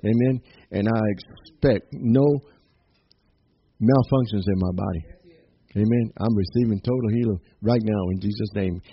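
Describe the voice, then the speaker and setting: A man's voice: fairly low pitch, normal speed, breathy edge, muffled recording. A man preaching a sermon as pastor, fervent and chuckling often, with many amens, speaking to viewers and listeners.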